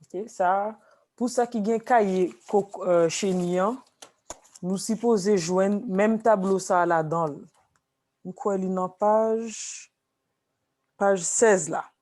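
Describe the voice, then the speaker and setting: A woman teaching a language class, explaining slowly with repeated examples. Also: medium pitch, darkish tone. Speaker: Haitian Creole teacher.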